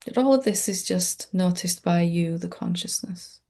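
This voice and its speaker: In a soft, off-the-cuff guided meditation, a woman teacher speaks soothingly, informally and reassuringly. Her pitch is on the low side and her speed normal.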